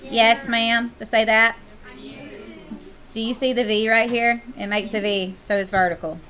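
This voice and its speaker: Slow, bright-voiced woman teacher. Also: a little high, steady tone. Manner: playful, teasing with students. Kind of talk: classroom lesson. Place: classroom.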